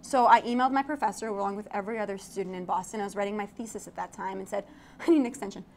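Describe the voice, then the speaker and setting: A woman's voice: mid-range voice, racing, slight background noise. A young woman from Iraq, an architect and tech founder, chatting animatedly as an interview guest and laughing often. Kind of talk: casual interview chat. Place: event studio.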